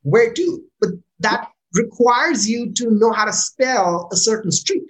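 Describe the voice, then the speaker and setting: At a measured pace and medium pitch, a startup founder from Pakistan takes interview questions casually, often asking "right?" as a tag and restarting words when excited.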